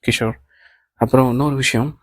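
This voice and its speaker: A man reading the lines of a kind male office boss in an audiobook of a novel, calm and reassuring, mixing in English phrases. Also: medium pitch, fairly quick, no room sound, natural voice.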